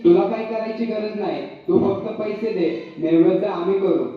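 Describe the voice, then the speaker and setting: A greedy village sorcerer in a school stage play, played by a performer pushing their voice low and making slow, weighty pronouncements. The voice comes from far off the mic and rings around an echoey hall. The sound is dull. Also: male voice, fairly even intonation, soft background music, lightly acted. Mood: solemn. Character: greedy village sorcerer man, stern and solemn.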